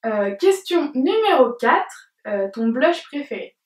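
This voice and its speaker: A woman's voice: sits high, very animated, takes it slowly. A young woman chatting casually in a beauty tag video, hesitant with many fillers and giggles, filmed at home by a camera at some distance. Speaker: beauty vlogger. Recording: roomy sound from a distance.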